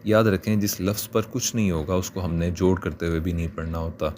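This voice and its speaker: A very low-pitched man with a Pakistani Urdu accent teaches Quran reading. He drags out each syllable slowly when spelling, then explains in quicker stretches. A faint hiss of background noise sits under his voice. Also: fairly even intonation, darkish tone. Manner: slow, drawn-out spelling of sounds between quick explanations.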